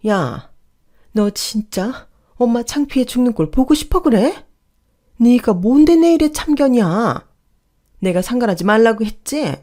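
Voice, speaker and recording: A woman's voice: fairly low pitch, lively intonation, unhurried, a little mellow. A woman voicing a stubborn older mother-in-law who scolds sharply and dismissively. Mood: shouting.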